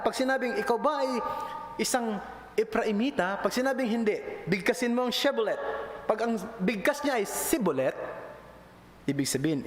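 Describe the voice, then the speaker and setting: A man's voice: sits high, slight background noise. A man, a pastor preaching a sermon to a congregation, mixing English phrases into his talk and asking rhetorical questions. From Philippines. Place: church hall. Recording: echoey church hall with long reverb.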